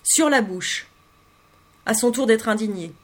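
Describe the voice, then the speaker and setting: Female audiobook narrator, slightly high voice, intimate and expressive first-person literary reading. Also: unhurried. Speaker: audiobook reader.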